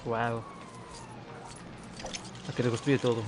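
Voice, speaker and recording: A man's voice: mid-range voice, level tone, slow pace, background noise. A man with an accent from Spain giving casual, playful, slangy commentary as he plays a game. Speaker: gamer. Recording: loud game music and effects behind.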